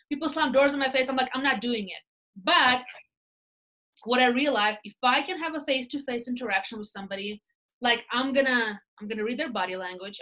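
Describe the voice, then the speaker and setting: The recording is rough as a woman in her thirties with a Russian accent and a fairly high pitch chats about her real estate team leadership. She's a guest in a casual interview, telling animated stories, gesturing with her hands and tagging lines with "right?" She speaks over a laptop webcam video call from a small indoor room.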